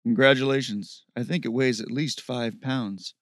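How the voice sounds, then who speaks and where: A man's voice: mid-range voice, steady tone, moderate pace, no echo, clean studio sound, lightly acted. A man voicing Bear, a hungry, good-natured teenage boy in a storybook reading. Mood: plain.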